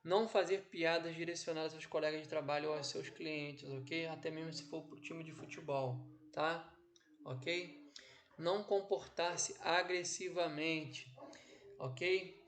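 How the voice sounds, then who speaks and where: A man's voice: a little high, steady tone, a bit bright. A man teaching an online course from his home office, with a didactic delivery that keeps checking in with "ok?" and "né?". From Brazil. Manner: didactic, drawn-out phrasing with frequent "ok?" and "né?". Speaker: instructor. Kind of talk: online lecture. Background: background noise.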